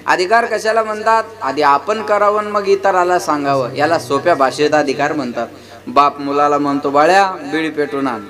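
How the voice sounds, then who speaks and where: At a moderate pace, a man whose voice is a little high and a bit bright gives a kirtan sermon to a live devotional audience. He uses humorous, folksy storytelling and rhetorical questions, constantly prompting the gathering to answer back.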